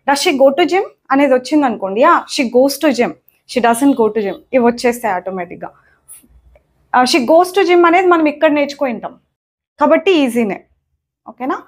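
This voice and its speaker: A woman's voice: sits high, big pitch swings, normal speed. Young female language teacher, patient and repetitive, drilling grammar. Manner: repetitive, checks in with "okay?" often. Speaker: English teacher. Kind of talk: spoken lesson explaining grammar.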